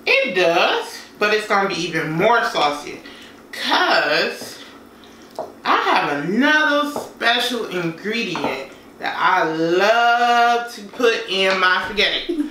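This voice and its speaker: In a spacious home kitchen, a woman in her thirties cooks and chats at a slow pace in a mid-range voice, relaxed and full of folksy phrases. A far camera mic captures her along with clattering dishes and a little hiss or hum.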